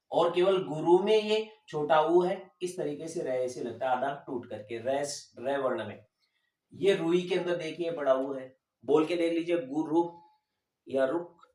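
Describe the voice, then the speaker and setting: A man teaching a lesson, patiently explaining and slowly repeating sounds syllable by syllable. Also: fairly high pitch, a little mellow. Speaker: Hindi teacher. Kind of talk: classroom-style lesson explanation. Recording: echoey room, voice a bit far from the mic.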